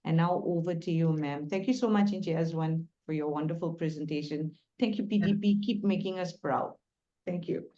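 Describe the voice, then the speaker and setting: A woman hosting a webinar over a video call, speaking in a semi-formal, deliberate way with emphatic repeated words. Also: low-pitched, mellow. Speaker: webinar host. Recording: dull, lo-fi video call audio.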